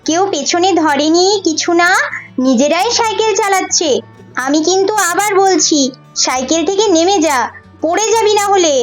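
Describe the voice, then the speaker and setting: A woman's voice: very high voice, normal speed. A woman voicing a strict, anxious mother who scolds her children and worries that they will get hurt. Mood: scolding. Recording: slightly muffled with faint music.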